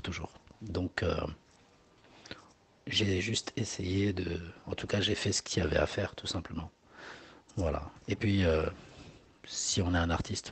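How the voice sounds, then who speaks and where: A Moroccan singer in his forties, whose first language is Arabic, answers interview questions hesitantly, using many fillers and repeating words. His voice sits low and sounds slightly rough.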